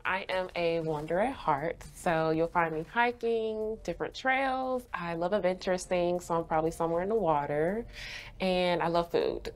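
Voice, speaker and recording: Seated in an indoor studio, this young adult guest, a brand ambassador from Haiti who grew up in Florida, fields interview questions with a bubbly manner and frequent laughter. Her voice is lowish and moderately paced.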